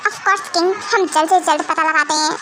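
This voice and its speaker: A woman's voice: very high voice, steady tone, moderate pace, bright, forceful tone, slight background noise, pitched below the performer's own voice, poor audio. A young woman voicing a loyal male henchman who reassures his king obediently in an amateur fan dub. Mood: eager. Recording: music playing under the voice.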